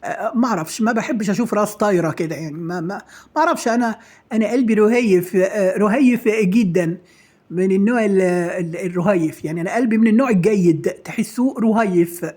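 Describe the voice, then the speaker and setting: A woman's voice: mid-range voice, fast, darkish tone, breathy edge. A middle-aged woman with an Egyptian accent chats casually to her followers while cooking, playful and self-praising, trailing off into fillers. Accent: Egyptian Arabic. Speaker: home cook and channel host.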